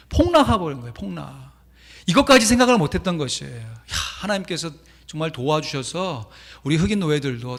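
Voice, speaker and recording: A man's voice: fairly high pitch, fairly bright tone. A man pastor preaching a sermon in a church, telling a story animatedly with sudden emphatic rises. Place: church sanctuary. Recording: long church reverb.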